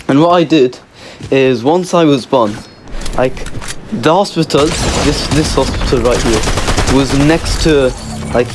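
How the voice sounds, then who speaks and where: A man hosting a casual storytime video, playful and rambling, often restarting his sentences. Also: mid-range voice. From Egypt. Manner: rambling, playful, self-correcting. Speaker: YouTube gaming host.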